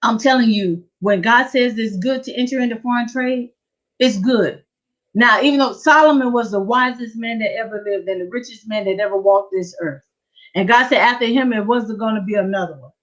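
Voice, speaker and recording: A woman with a fairly high voice tells her testimony at a church prayer service, acting out her own excitement as she goes. Her storytelling is lively and lively-paced. The sound comes through a dull, lo-fi church livestream. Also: fairly quick. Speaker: church speaker giving a testimony.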